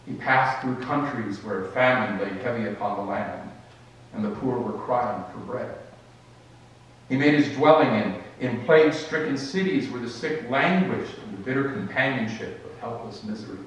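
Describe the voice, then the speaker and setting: A man reads a story aloud during a church service, measured and expressive, now and then restarting a phrase. His mid-pitched voice rings through a very echoey sanctuary, caught from a distance with faint room hum beneath it. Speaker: reader in a worship service. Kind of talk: dramatic story reading.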